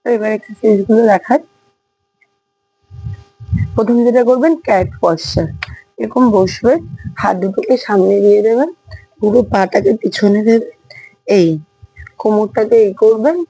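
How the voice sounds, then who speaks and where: A hoarse woman teaching yoga, who counts the repetitions aloud while she demonstrates. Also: medium pitch, moderate pace, long pauses, dark tone, soft background music, low-quality recording. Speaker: yoga instructor. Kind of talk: casual yoga class instruction.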